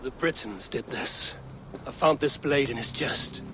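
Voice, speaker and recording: Man playing a grave, steady Viking warrior, noisy ambience. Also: medium pitch, measured pace, lightly acted. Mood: grim, resolute. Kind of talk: video game voice acting.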